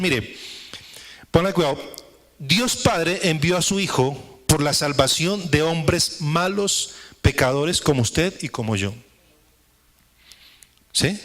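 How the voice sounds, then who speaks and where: A man's voice: a little high, a bit bright. A male pastor preaching a sermon to a congregation, repeating phrases for emphasis and often asking the listeners rhetorical questions. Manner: emphatic, repetitive preaching cadence. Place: church service with congregation.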